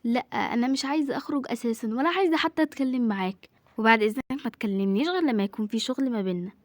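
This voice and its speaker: A woman's voice: fairly high pitch, very fast, natural voice. A woman with an Egyptian accent voicing a proud young employee who speaks curtly and dismissively in an amateur home drama. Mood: cold. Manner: curt, dismissive.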